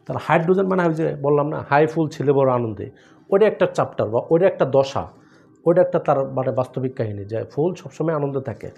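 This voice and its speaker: A man with a mellow, dark-toned voice teaches chemistry. He walks through each point one step at a time, posing questions and answering them himself. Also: a little high, animated, quick pace, gravelly. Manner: explains step by step with rhetorical questions. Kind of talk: classroom-style lesson with memory tricks.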